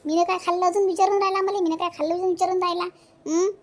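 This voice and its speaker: A high-pitched, sharp-tongued cartoon mother, voiced by a woman, scolding in a broad Vidarbha accent. She is a widow at the end of her patience, nagging and berating her idle grown son. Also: steady tone, fairly quick, close to an everyday voice. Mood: exasperated. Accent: Vidarbha Marathi. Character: scolding widowed village mother, middle-aged, fierce. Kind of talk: cartoon voice acting.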